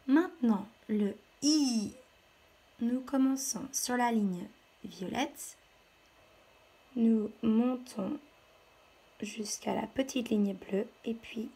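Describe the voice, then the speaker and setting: A woman teacher walks young children through a handwriting lesson one step at a time. Her voice sits a little high and breathy, and she speaks slowly and patiently. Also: darkish tone. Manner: slow, patient step-by-step instruction.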